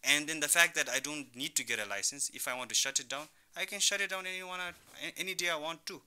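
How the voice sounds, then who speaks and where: A young man raised in Thailand, founder of an online business, speaks as a guest in a radio studio interview, leaning on examples and repeated "you know"s. He is a fast talker with a slightly high, sharp voice that is also clear and resonant.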